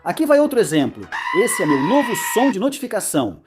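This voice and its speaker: Lively narrator of an explainer video. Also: mid-range voice, a little fast, music in the background. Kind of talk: scripted educational narration.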